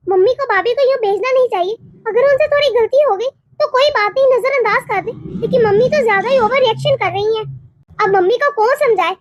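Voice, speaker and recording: A woman's voice: extremely high pitch, no echo, dull audio. A woman voicing a sly, selfish young sister-in-law in a cartoon story, muttering complaints to herself.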